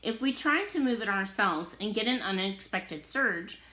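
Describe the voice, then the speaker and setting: A woman's voice: medium pitch, animated, moderate pace, sharp tone. A woman voicing a cheerful, easygoing old fisherman who laughs easily, in a roomy-sounding recording. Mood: reassuring. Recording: roomy echo.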